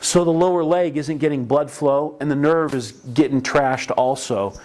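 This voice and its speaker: A man's voice: fairly high pitch, normal speed, darkish tone. A middle-aged man with a slightly raised voice, giving a classroom lecture on emergency care. He talks in a loose, chatty way, often restarting sentences and telling stories from calls. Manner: conversational, anecdotal, with frequent restarts. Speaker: EMS instructor. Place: training classroom.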